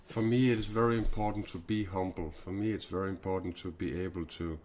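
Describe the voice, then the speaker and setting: A Danish man in his forties hosting a spiritual live stream, talking haltingly with many fillers and restarts. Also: deep voice, fairly even intonation, a little mellow, slight background noise. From Denmark.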